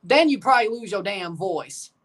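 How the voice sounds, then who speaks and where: A man hosts a live watchalong of a match, excitedly calling goals and chatting casually, careful with his strained voice. He speaks in a high pitch at a moderate pace, picked up by a distant mic.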